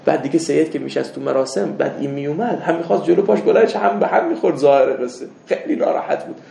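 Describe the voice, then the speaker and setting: Gravelly-voiced man lecturing in an echoey room. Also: a little high. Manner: animated, swings from loud rebukes to soft asides. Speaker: seminary teacher. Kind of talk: religious lecture with anecdotes. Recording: echoey room with faint ambience.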